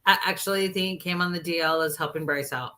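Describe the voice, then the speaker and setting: A woman's voice: fairly low pitch, fairly quick, pushed and bright. A woman hosting a sports podcast, talking candidly in a chatty way, full of "like" and "literally.". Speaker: podcast host. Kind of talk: casual sports chat.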